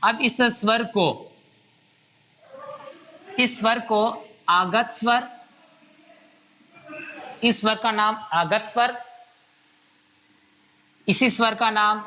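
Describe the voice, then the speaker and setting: A man's voice: high-pitched, very slow, pauses often, pushed and bright, slight background noise. A man teaching a grammar lesson at a whiteboard, patiently repeating and counting items aloud.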